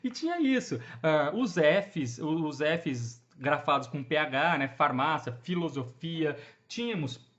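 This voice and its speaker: A man's voice: fairly high pitch, animated, slow, fairly bright tone, highs cut off. A man with a Brazilian Portuguese accent teaches an online grammar lesson in a chatty way, often asking the viewer rhetorical questions and checking they follow along.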